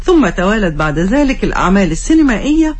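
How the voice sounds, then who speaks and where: A woman's voice: medium pitch, big pitch swings, quick pace, darkish tone, breathy edge. A woman with an Egyptian accent narrating a documentary segment. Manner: informative, listing.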